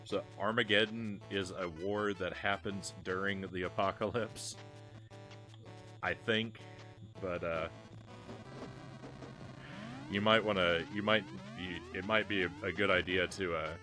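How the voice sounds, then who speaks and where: A man with a low, steady voice chats unhurriedly with his live-stream audience between retro games, leaving long pauses. He rambles, mocks himself and keeps restarting sentences while faint music plays, and the recording quality is low.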